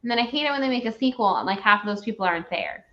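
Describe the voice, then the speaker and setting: A woman's voice: a little high, lively intonation, racing. A woman rambling emphatically and with opinions in a casual, ranting film review chat, as a host. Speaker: host of a movie review show. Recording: dull lo-fi recording.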